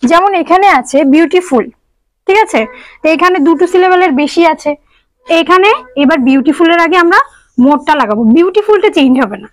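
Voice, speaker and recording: High-voiced woman teaching grammar. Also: lively intonation, a little fast, dry recording, rough recording. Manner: explains step by step, asks students questions; mixes English terms into speech. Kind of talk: online grammar lesson.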